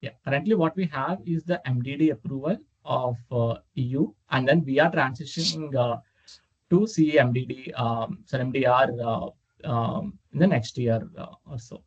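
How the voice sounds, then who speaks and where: A man's voice: medium pitch, slightly rough. Give me a man explaining patiently over a slightly muffled video call, full of hesitant "uh"s as he answers a question. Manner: halting, many "uh" fillers, patient explaining. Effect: heard over a video call. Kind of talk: unscripted Q&A explanation.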